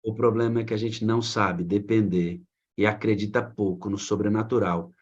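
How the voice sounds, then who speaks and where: A man's voice: on the low side, fairly even intonation, normal speed, lo-fi sound. A pastor preaching to his congregation, building his emphasis as he goes. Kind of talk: sermon.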